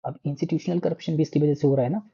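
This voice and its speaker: A man's voice: a little high, fairly even intonation, racing, gravelly, mellow, husky, highs cut off. A man teaching an exam prep lesson in a casual explanatory way, often tagging sentences with "na" and restarting words. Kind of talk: explanatory lecture.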